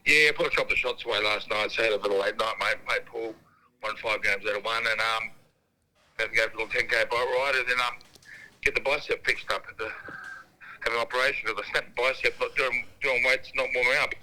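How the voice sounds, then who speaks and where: A man's voice: mid-range voice, steady tone, fast, pushed and bright, rough recording. A man, heard over a speakerphone call, chatting in a laddish, joking way as a phone guest. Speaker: phone guest, former footballer. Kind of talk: casual phone chat.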